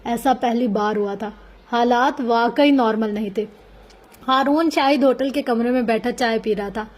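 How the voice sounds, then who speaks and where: A woman reading a novel aloud in a smooth, steady narrating voice. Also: a little high, normal speed. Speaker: novel reader.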